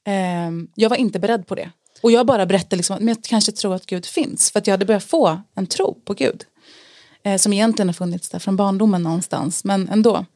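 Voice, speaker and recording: A woman telling her personal story in an interview, earnest and reflective, pausing often with fillers. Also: mid-range voice, a little mellow, no room sound, studio quality. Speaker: interview guest sharing testimony. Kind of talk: personal testimony in conversation.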